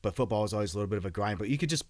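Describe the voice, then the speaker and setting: A man's voice: on the low side, animated, rapid-fire, no room sound, studio quality. A man in his late forties from Iowa, a podcast guest talking in an easygoing, friendly way. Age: 40s. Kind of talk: casual podcast interview.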